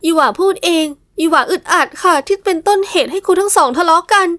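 A woman voicing a tearful eighteen-year-old housemaid girl who pleads in a high, whiny voice. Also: quick pace, a bit bright, dry recording, studio quality. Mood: pleading upset.

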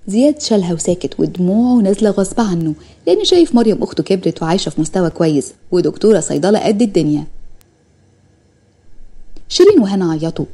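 A woman with an Egyptian Arabic accent narrates a romantic story at a racing pace. Her voice is low, warm and husky, and she keeps the storybook reading running without pause.

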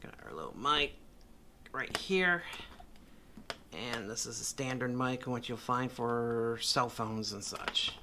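A motorcycle vlogger films a casual unboxing vlog in his home office, talking in a rambling, chatty way and often correcting himself. His medium-pitched voice is expressive and slow-paced, with background noise.

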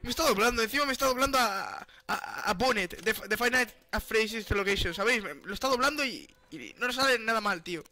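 Hombre español de voz aguda y brillante. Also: male voice, sits high, fairly quick, hardly any pauses, no room sound. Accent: Spain Spanish. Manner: excitable, pleading, joking. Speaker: gaming streamer. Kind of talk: live gameplay chat.

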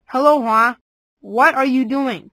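A woman voicing a friendly schoolgirl in a scripted textbook listening dialogue, reading clearly and carefully. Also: high-pitched, takes it slowly, fairly bright tone, no room sound.

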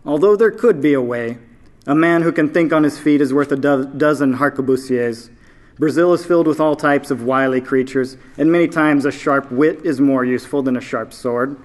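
A man's voice: medium pitch, close to an everyday voice. A man reading aloud, voicing a proud, brusque male expedition leader with a haughty manner.

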